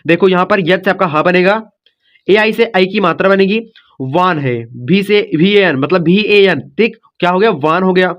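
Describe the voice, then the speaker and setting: Male tutor, high voice, patient and repetitive, walks learners through each word, slightly muffled lo-fi audio. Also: a bit bright. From India. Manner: repetitive, coaxing, says "ठीक" and "बच्चों" often. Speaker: teacher. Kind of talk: step-by-step spelling lesson.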